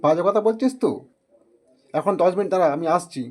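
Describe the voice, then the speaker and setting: A woman voicing a gruff, curt man who dismisses the complaining eggs. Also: fairly low pitch, a little fast, a little mellow, natural voice. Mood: dismissive. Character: gruff dismissive male egg owner.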